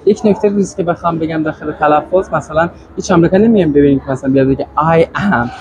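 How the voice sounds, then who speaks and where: High-voiced male podcast host. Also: noisy background. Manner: asks questions with many hesitant fillers. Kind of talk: podcast interview.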